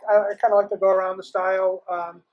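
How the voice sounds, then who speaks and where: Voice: medium pitch, flat delivery, quick pace, highs cut off. An interviewer asking a band casual questions in a joking manner. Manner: joking, laughs often.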